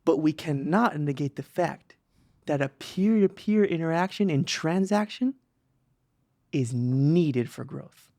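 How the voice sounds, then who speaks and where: A man as a podcast guest, joking in a mock-solemn, deadpan way with pauses and repeats. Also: a little high, no echo, studio quality. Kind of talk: comic deadpan chat.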